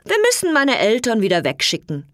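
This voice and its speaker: A woman's voice: on the high side, huge pitch swings, brisk, a bit bright, no echo, clean studio sound, pitched above the performer's own voice. Woman doing a lovesick young knight. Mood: devoted. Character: foolish young knight, later remorseful.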